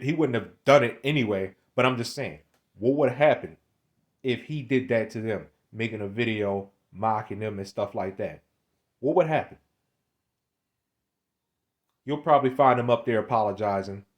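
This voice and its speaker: A man in his twenties giving a casual, rambling monologue, often stammering and repeating words, with street slang. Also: mid-range voice. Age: 20s. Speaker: online commentator.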